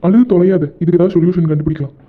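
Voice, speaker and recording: A man's voice: on the high side, fairly quick, lightly acted. A man voicing Aadhi, a blunt, teasing young man who scolds and bosses his friend, in an amateur audio drama. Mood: scolding. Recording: tinny phone-like recording.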